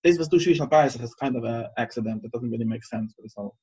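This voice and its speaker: A man with a husky, medium-pitched voice teaches a Torah class, reasoning aloud in a halting, searching way and repeating phrases as he circles back over his words. The recording sounds dull and lo-fi.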